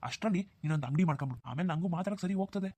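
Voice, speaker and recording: A man voicing a well-off, generous young village man in a cartoon, who talks briskly and hushes others' worries. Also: a little high. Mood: reassuring. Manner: brisk, dismissive of worries, hushing. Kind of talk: Kannada cartoon dubbing.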